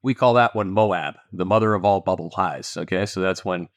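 A man with a Canadian accent, an investment firm founder answering interview questions in an animated, emphatic way with sarcastic asides. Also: low voice, normal speed, no echo.

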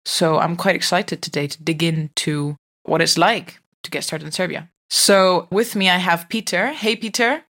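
A woman's voice: lowish voice, normal speed, hardly any pauses, fairly bright tone. A woman hosting a podcast, introducing her guest and asking questions in an upbeat way, often restarting her sentences. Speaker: podcast host. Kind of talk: podcast interview.

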